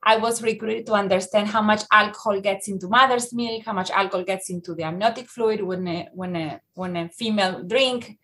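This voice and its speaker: Speaking at medium pitch with a fairly bright tone, a middle-aged researcher from Argentina talks in a podcast interview with her Argentine Spanish accent. She often stops to restart and fills pauses with "uh," giving a halting delivery.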